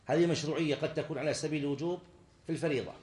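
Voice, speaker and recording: Echoey teaching sheikh. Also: male voice, fairly high pitch, very fast, a little mellow. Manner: explanatory, repeats key words, asks students questions. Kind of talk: religious lesson explaining grammar.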